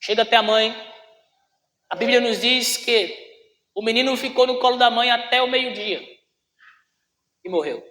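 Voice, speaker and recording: A pastor preaches with a very high, bright, forceful voice, calling out to his congregation and asking them questions. The sound is roomy, with a long echo from a church hall. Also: normal speed, pauses often. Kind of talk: sermon.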